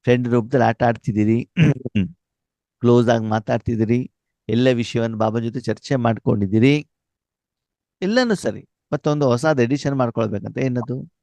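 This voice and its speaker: A man's voice: mid-range voice, normal speed, pauses often, warm tone, no echo. A man giving a spiritual class, asking questions for the audience to finish and mixing in Hindi phrases. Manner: asks questions for the audience to complete; mixes Hindi phrases into his talk. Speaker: spiritual teacher.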